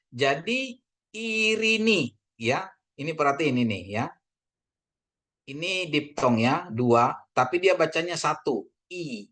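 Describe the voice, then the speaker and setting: A man from Indonesia teaching a casual Greek language lesson, slowly drawing out words for learners and addressing them politely, with many fillers. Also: fairly high pitch. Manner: drawn-out repetition of words, frequent fillers; addresses listeners as ladies and gentlemen.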